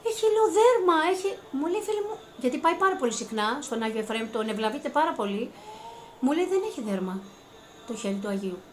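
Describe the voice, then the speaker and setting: High-voiced woman, earnest personal testimony, climbs into excited retelling; light room ambience. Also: slight background noise. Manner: earnest, rising to high-pitched excitement when reliving events. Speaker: vlogger recounting a personal experience.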